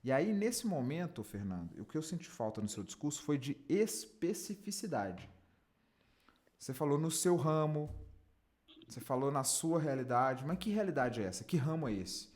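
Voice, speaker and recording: Animated male sales mentor. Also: on the high side, normal speed. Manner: animated, direct, demonstrates with lively intonation. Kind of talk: coaching a mentee on cold calls.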